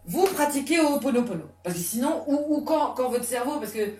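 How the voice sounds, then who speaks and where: A woman psychotherapist giving a lively, conversational talk with many fillers and restarts. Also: high-pitched, fairly quick, faint music behind. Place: conference room. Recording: echoey room, mic far off.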